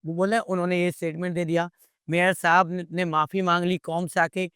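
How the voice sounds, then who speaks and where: A man's voice: high voice, flat delivery, brisk, a bit bright, clean tone, no room sound, studio quality. A man, speaking as an interview guest in a heated, exasperated way and firing off rhetorical questions. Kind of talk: impassioned interview commentary.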